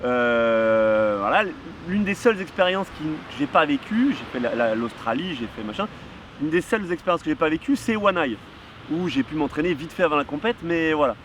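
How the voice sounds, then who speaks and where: A man, casually telling a kitesurfing story outdoors, animated and full of fillers. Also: fairly high pitch, normal speed, a little hiss or hum. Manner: lively, animated, heavy on fillers. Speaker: kitesurf vlogger. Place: outdoors near a surf spot.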